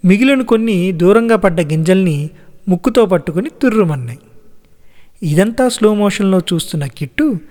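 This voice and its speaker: A man reading a short story aloud as narrator, with lively, expressive storytelling. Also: high-pitched. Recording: long reverb.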